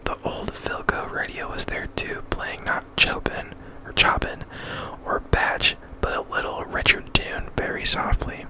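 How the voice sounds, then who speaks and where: A man reading a novel aloud as ASMR in a breathy, intimate whisper, very close, as if right in the listener's ear. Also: a little slow, hardly any pauses.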